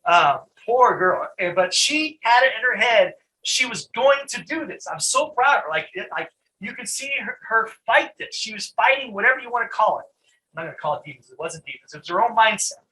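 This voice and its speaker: A middle-aged man giving a live online training talk, conversational and animated, often laughing and restarting his sentences. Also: high-pitched, fairly quick, rough recording.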